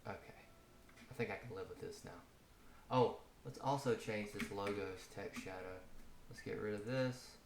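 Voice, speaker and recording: Guy talking himself through code, kinda low voice, echoey room, loud typing behind. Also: normal speed, gravelly. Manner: thinks aloud, self-correcting while typing. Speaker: coding tutorial host. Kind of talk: casual screencast coding walkthrough. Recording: roomy home office, audible typing noise. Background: keyboard typing and mouse clicks.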